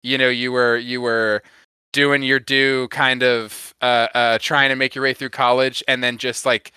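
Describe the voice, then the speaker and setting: Podcast co-host, male, crisp forward tone, dry sound, casual agreeable feedback with self-corrections. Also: medium pitch, level tone, a little slow, pushed and bright, dry recording. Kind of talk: casual chat.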